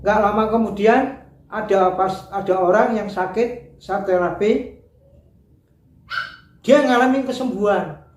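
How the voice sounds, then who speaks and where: A man's voice: sits high, measured pace, long pauses. A man telling his personal faith testimony in an earnest, repetitive way. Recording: roomy echo.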